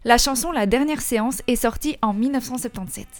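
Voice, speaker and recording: A woman's voice: fairly high pitch, fast talker. Belgian woman hosting a music podcast. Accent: Belgian French. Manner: chatty, adds joking asides. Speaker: podcast host. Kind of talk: scripted music-history narration with casual asides.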